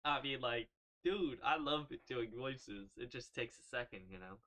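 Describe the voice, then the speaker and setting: A man's voice: mid-range voice, measured pace, noisy background. A man streaming a story game, reading the text aloud and commenting casually, often laughing and correcting himself. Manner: animated, laughing, swearing, self-correcting.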